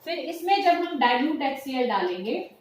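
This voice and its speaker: Big pitch swings mark this middle-aged woman's high voice as she lectures on chemistry at a moderate pace. She addresses her students as "beta," works English terms into her patient explanations, and the room is echoey with faint noise.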